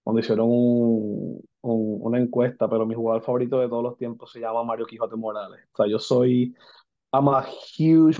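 A basketball agent from Puerto Rico, in his 40s, talks casually as an interview guest in his Puerto Rican accent, code-switching between Spanish and English with plenty of fillers. The voice is medium-pitched and the sound lo-fi.

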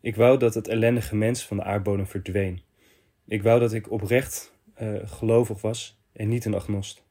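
A man hosting a podcast, reading a listener's confession letter aloud in short, measured phrases. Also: on the low side, fairly even intonation, mellow.

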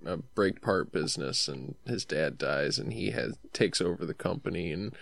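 Gravelly laid-back young man. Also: low-pitched, animated, moderate pace, fairly bright tone, no echo, studio quality. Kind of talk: casual chat.

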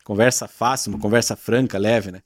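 Speaking with a fairly low pitch and a steady tone at a brisk clip, a podcast guest patiently explains regional expressions in a casual chat. He's a gaúcho culture content creator from southern Brazil who often uses tag questions. The studio-quality recording has no room sound.

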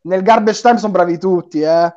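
A man's voice: sits high, a little fast, a little mellow, muffled recording. A man hosting a casual live football chat, bantering and often repeating his phrases. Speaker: host of a football talk live stream.

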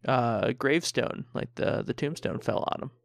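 A man's voice: medium pitch, lively intonation, normal speed, creaky, no echo. A man co-hosting a comedy podcast who laughs often and restarts his sentences in casual chat. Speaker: podcast co-host.

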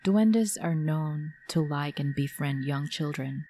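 A middle-aged woman with a Filipino accent, narrating a spooky story in a measured, dramatic way. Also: low-pitched, warm tone, a little hiss or hum. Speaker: storyteller host.

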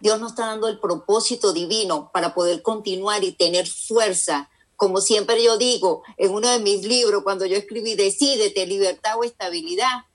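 A woman on a faith radio show, telling a personal story earnestly and with emphasis, acting out the voices of the people she quotes. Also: mid-range voice. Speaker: radio guest and author.

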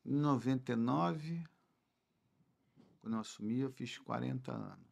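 Speaking at a measured pace, this medium-pitched man sounds creaky and a bit mellow. He's a 61-year-old football club president from Rio, chatting informally on a podcast about old times and doubling up words to stress his points.

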